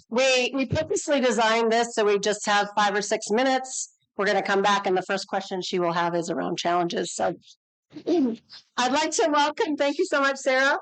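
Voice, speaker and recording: A woman moderating a conference session, thanking speakers and introducing the next one with brisk, polite transitions. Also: a little high, rough recording. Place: large conference hall.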